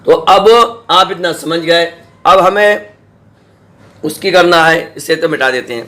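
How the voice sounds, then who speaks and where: A man gives a Quran reading lesson in a bright, clear, somewhat high voice. He spells out letters and syllables slowly, stretches the vowels, and keeps asking whether the students understand. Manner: patient, repeats syllables slowly and drawn out; checks in with "samjhe?" and "theek hai".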